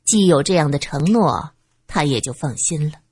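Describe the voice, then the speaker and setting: A woman tells a serialized story with expressive, lively delivery. Her voice is husky and moves widely in pitch. The recording is dry and close. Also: normal speed, no room sound. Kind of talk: storybook narration.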